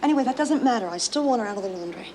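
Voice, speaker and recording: A woman's voice: a little high, expressive, warm tone, slight background noise, lightly acted. An actress with an Australian accent playing an insistent, protective woman prisoner in a television drama. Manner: insistent, quick. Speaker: prison inmate. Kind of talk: 1970s TV drama acting.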